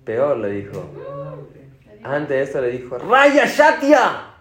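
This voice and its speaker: Man, rabbi, Argentine accent, sermon, animated, asks the audience questions, mid-pitched voice, echoey room. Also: measured pace. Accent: Argentine Spanish.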